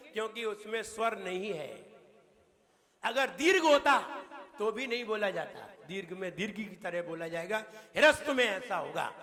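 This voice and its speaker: High-pitched monk teaching in a temple hall. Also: male voice, sharp tone. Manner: explains, quizzes the listeners, chants verses slowly. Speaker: Jain monk teaching scripture. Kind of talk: sermon teaching recitation.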